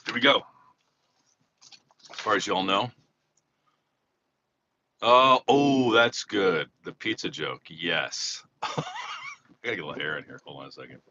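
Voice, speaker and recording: A man's voice: low voice, a little slow, long pauses, pushed and bright. A man getting over a cold, chatting casually and rambling through a live stream outdoors near a freeway. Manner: rambling, chatty, restarts a lot. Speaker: slot vlogger doing a live monthly recap. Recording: slightly dull, faint freeway noise.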